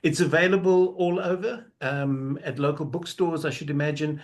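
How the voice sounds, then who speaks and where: A man's voice: fairly high pitch, fairly even intonation, moderate pace. Jokey male show host. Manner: jokey, teasing, laughs often. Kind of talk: casual interview chat.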